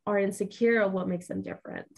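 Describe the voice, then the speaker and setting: A woman's voice: medium pitch, steady tone, fast talker, gravelly, a little mellow. Young woman, mexican accent, earnest podcast chat, lots of ums and likes. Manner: earnest, reflective, many fillers. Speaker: podcast co-host.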